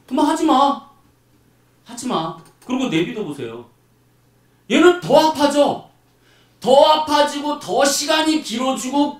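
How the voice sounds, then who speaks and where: A man preaching a sermon as pastor, in a lively, chatty way that acts out little scenes. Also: very high voice. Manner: animated, colloquial preaching with acted-out voices. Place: church hall. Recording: echoey hall, mic from far off.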